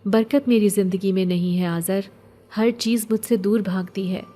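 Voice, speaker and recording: A woman voicing a lonely, poor young orphan girl who speaks softly and plaintively. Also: medium pitch, steady tone, lightly acted. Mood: wistful. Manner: soft, wistful, plaintive.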